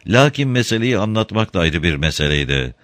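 A man narrating a story aloud in an expressive storytelling manner. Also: sits low, brisk, no room sound. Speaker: reader.

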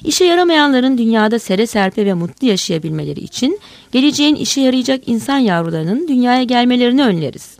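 A woman's voice: fairly high pitch, big pitch swings, quick pace, darkish tone, dry recording, voice pushed up. A woman reading aloud voices a pompous male scientist leading a chorus, declaiming in a lecturing tone.

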